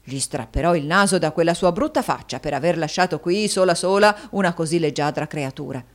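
A woman reading a storybook voices a florid, flattering middle-aged husband who gushes theatrical endearments. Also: fairly low pitch, a little fast, natural voice.

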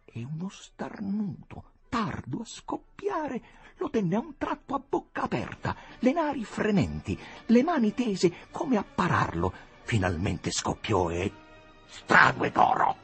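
Brief: male storyteller, husky and raspy, voice rising and falling dramatically, soft music underneath. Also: sits high, a little slow. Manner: expressive, theatrical reading. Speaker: narrator. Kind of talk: dramatic audiobook reading.

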